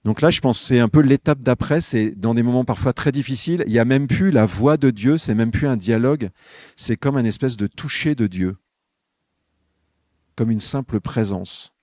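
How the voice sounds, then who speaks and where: A man's voice: mid-range voice, normal speed, a little mellow, dry recording, clean studio sound. A man giving a reflective spoken homily for a podcast, talking with listeners directly in a conversational way. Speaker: podcast speaker on spiritual life.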